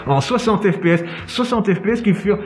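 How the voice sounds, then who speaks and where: A pompous, self-important detective showboats with a theatrical, sing-song flair, as a man puts him on. His voice sits a little high. He hams up every line for comedy. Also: expressive, brisk. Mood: mock-grandiose. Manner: theatrical, playful, with silly sung noises. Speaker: comedic sketch character.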